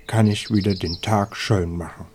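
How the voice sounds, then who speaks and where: A man's voice: on the low side, steady tone, darkish tone, a little hiss or hum, close to an everyday voice. Man reading as the sorrowful sun. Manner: slow and mournful. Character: sad sun with a sick, longing heart. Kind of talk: storybook reading.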